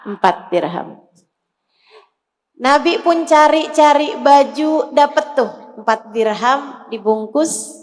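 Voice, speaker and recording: Expressive woman preacher in an echoing hall. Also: high-pitched. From Indonesia. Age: 40s. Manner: expressive storyteller, swinging between soft and loud. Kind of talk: storytelling sermon.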